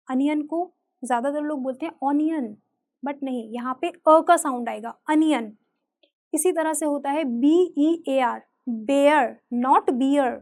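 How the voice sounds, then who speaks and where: A young woman with an Indian accent teaching a spoken English lesson, saying English words slowly and spelling them out letter by letter. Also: sits high, a little mellow.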